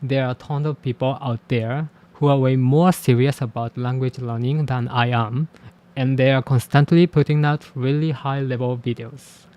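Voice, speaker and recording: The sound is lo-fi, carrying a man's mid-range voice in a steady tone. He's a Japanese-native language teacher and channel host reflecting to camera on learning languages, candid and measured, with a self-deprecating streak.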